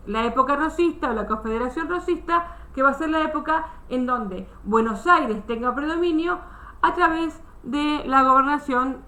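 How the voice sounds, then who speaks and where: A woman's voice: sits high, sharp tone, roomy sound. A woman teaching a history class over a video call, explaining step by step with restarts and checking that students follow.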